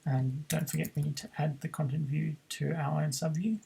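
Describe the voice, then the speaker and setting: A man's voice: a little high, level tone, normal speed, vocal fry, warm tone, rough recording. A man teaching a coding tutorial, thinking aloud with frequent ums and self-corrections. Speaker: programming tutor. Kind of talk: screen-recorded coding tutorial.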